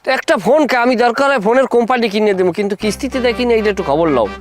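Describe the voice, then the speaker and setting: An actor playing a comic village suitor who speaks in mock-formal, boastful phrases, with a rural Bangladeshi Bengali accent. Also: male voice, very high voice, animated, racing, dry recording, faint music behind.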